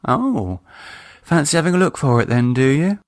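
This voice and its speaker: In an audiobook, a man voices an exasperated middle-aged British wife and mother, colloquial, grumbling and sardonic with a flirty streak. He pitches her on the high side, above his own voice, yet close to an everyday tone, with lively intonation at normal speed. The studio sound is clean, with no room sound.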